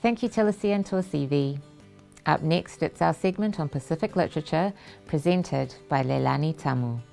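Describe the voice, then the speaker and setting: A woman presenting a scripted introduction as the host of a talk show, with a gravelly voice. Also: low-pitched, moderate pace, warm tone, faint music behind.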